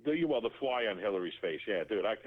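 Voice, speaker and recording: A man's voice: on the low side, big pitch swings, quick pace. A man tells rowdy, profane stories and breaks into laughter as he acts out what people said. His voice comes through a tinny phone line. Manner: profane, laughing storyteller acting out quotes. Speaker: interview guest. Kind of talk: casual storytelling on a radio show.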